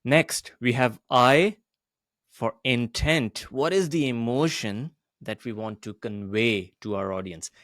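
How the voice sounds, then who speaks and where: A man coaching public speaking at a steady, deliberate pace. He pushes his voice higher and lower to demonstrate his points. His mid-range voice sits in a dry, close recording. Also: dry recording. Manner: deliberate, demonstrative, varies pitch and volume. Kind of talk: voice coaching lesson.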